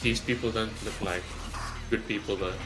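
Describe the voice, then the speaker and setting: Over loud music, a man hosts a gaming reaction video in a lowish, steady voice at a moderate pace. His talk is loose and unscripted, wandering as he reasons things out. Many of his lines end with a questioning "right?".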